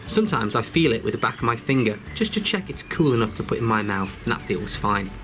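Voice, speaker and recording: A man's voice: lowish voice, sing-song, fast talker, over music. A British man giving a live outdoor cooking demonstration by a campfire, instructive and friendly, speaking to children watching. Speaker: forest school instructor.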